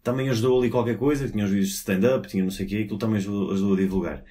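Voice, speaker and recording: Fast-talking low-voiced comedian. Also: male voice, fairly even intonation, dark tone. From Porto, Portugal. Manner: rambling, many fillers and restarts, swears freely. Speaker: stand-up comedian, guest. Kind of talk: casual podcast conversation.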